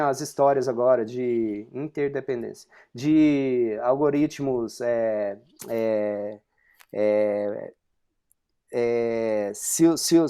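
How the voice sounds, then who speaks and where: A man's voice: medium pitch, warm tone. A man in his forties from Brazil giving an online university lecture, explaining step by step with frequent fillers and rhetorical questions. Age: 40s.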